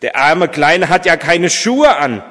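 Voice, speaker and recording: A man's voice: medium pitch, expressive, moderate pace, a bit bright, pitched above the performer's own voice. A man reading as a kindly old shoemaker. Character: kindly old male shoemaker, warm and hopeful. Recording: long church reverb.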